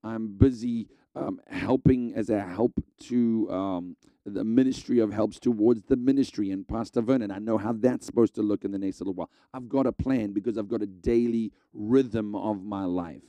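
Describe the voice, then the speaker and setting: An earnest preacher, a middle-aged man, delivers a sermon. His voice is deep, dark and mellow. The sound is dry and close, and he repeats key phrases as he exhorts his listeners. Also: moderate pace, few pauses, no room sound.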